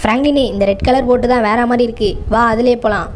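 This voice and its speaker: A cheeky cartoon little boy who chatters in a quick, bubbly rush and a raised voice, as a woman acts him out. Faint game music runs behind him. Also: on the high side, lightly acted. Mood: excited. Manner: bubbly, teasing, rapid.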